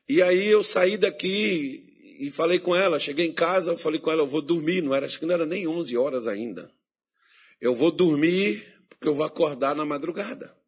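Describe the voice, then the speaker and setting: A male pastor delivering a sermon in a fairly high, husky voice. He builds his points into emphatic, rising exhortations aimed at the congregation.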